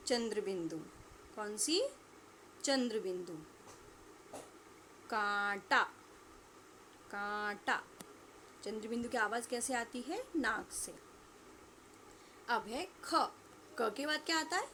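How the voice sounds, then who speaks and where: Slow, patient woman teaching children. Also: fairly high pitch, animated, sharp tone, slight background noise. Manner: slow, drawn-out repetition for pupils to echo; asks questions and answers them herself. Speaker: school teacher. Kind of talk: online Hindi lesson for young children.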